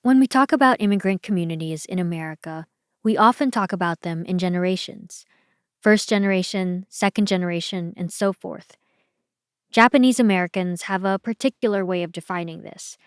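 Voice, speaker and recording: A woman hosting a podcast, reading a scripted documentary narration in a measured, explanatory way. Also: fairly low pitch, smooth, no room sound, studio quality. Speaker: podcast host.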